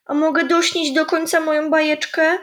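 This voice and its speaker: A woman voicing a small eager curious girl in a children's storybook, calling out with excited, chirpy exclamations. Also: high-pitched, normal speed, voice pushed up.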